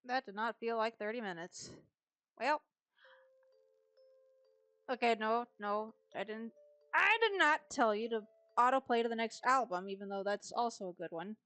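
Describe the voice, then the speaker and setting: A woman's voice: on the high side, animated, normal speed, pauses often, fairly bright tone, no echo. Chatty woman streamer, dry close mic. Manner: chatty, reacting to a video. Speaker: art streamer. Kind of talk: casual stream chat.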